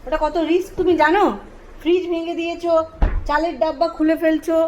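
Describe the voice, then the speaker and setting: A woman's voice: very high voice, flat delivery, brisk, warm tone, a little hiss or hum. A woman, vlogging at home as a mother who scolds her toddler in an exasperated, half-joking way. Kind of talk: casual scolding vlog.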